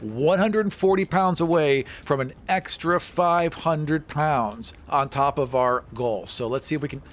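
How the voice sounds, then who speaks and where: A man's voice: fairly high pitch, unhurried. A man chatting casually while playing a tabletop game, joking and a little self-deprecating. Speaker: player on a charity game stream.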